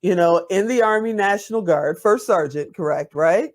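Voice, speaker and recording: A woman's voice: medium pitch, normal speed. A woman in her fifties hosts a talk show interview. She is a veteran who chats in an encouraging, rambling way. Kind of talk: interview conversation.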